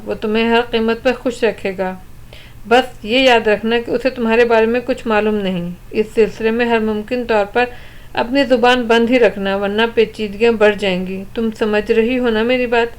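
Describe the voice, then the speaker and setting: Caring, worried mother , read by a woman narrator, gentle and reassuring, slightly high-pitched, storybook reading. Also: natural voice. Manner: tender, anxious, soothing. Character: worried loving middle-aged mother.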